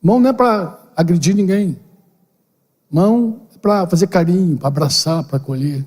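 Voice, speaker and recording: An older man, a pastor, giving a lively conversational sermon to a seminar, acting out little dialogues with playful slang. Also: sits high, moderate pace. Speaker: pastor leading a parenting seminar. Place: church building hall. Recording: long hall reverb.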